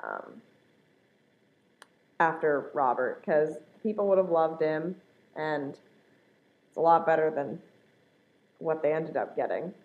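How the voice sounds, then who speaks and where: Hesitant woman, lowish voice, dull lo-fi recording. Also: takes it slowly, pauses often. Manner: hesitant, thinking aloud. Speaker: fan answering a questionnaire. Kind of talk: casual chat, answering prompts aloud.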